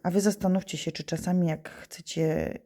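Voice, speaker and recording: A woman's voice: fairly low pitch, steady tone, normal speed, warm tone. A female teacher giving a lesson to young pupils, patiently asking questions and answering them herself. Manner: patient, asks and answers her own questions. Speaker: primary school teacher. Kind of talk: remote lesson for children.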